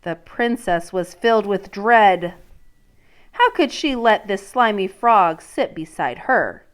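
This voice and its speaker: A female teacher with a medium-pitched voice reads a children's story aloud. Her reading is expressive and deliberate, and she pauses to prompt and question her young listeners.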